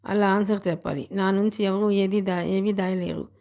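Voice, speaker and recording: A woman's voice: mid-range voice, steady tone, moderate pace, a little mellow, natural voice. Nosy bus conductor, self-important, prying, voiced by a woman, audiobook.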